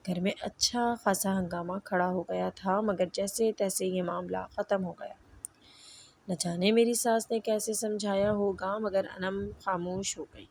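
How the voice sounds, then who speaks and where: A woman narrating an emotional first-person story in an even, measured way. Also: mid-range voice, creaky, slight background noise.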